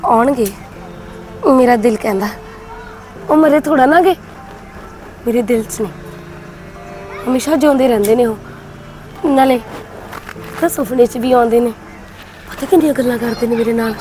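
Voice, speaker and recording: Grieving young widow, played by a woman; gentle, pleading, a touch high, set in a reverberant room with soft music. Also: moderate pace, pauses often, lightly acted. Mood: denying, insistent. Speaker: actor in a short film. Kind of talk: melodramatic short-film acting. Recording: echoey room with long reverb.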